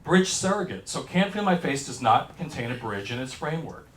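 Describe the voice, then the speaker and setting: A man's voice: mid-range voice, very animated, a little fast, a bit bright, echoey room, far from the mic, rough recording. A man giving an enthusiastic classroom lecture that breaks down how a hit song is built. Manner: explanatory, enthusiastic, talks over music examples. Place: lecture hall. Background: song excerpts playing faintly.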